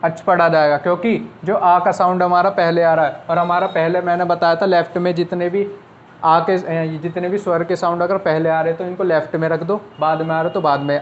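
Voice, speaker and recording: A man teaching a shorthand lesson, patiently repeating each rule step by step. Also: sits high. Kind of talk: classroom lesson explaining at a board. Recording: slightly dull lo-fi recording with faint noise.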